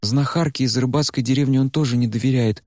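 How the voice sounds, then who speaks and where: A man voicing a frantic young woman trapped in a withered old body, pleading in a high, strained voice. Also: fairly even intonation, fast talker, darkish tone, dry recording, studio quality, close to an everyday voice. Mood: scheming. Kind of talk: audiobook character voice.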